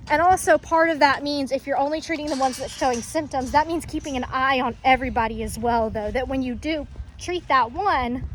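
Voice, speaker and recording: A woman's voice: high-pitched, fairly quick, slight background noise, poor audio. A woman farm vlogger explaining at length in a chatty, rambling way, recorded outdoors on a farm. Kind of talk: casual explanatory chat.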